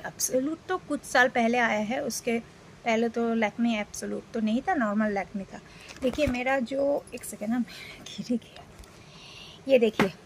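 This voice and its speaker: A woman's voice: on the high side, slight background noise, rough recording. A woman in her forties from India, talking casually to camera as a vlogger, rambling with fillers and restarts, while unwell. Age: 40s.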